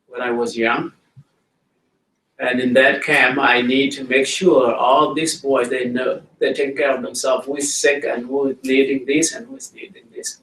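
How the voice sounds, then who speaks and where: A middle-aged man from South Sudan, speaking English with a South Sudanese accent, giving a plain, slow storytelling talk to schoolchildren in a school library. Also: mid-range voice, fairly bright tone, a little hiss or hum. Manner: plain, slow-paced storytelling, addressing children directly. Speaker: guest speaker. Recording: roomy hall audio from a distance.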